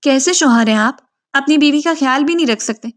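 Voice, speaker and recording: Outspoken young woman, brisk, scolding, storybook reading, woman reading, highish voice. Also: lightly acted.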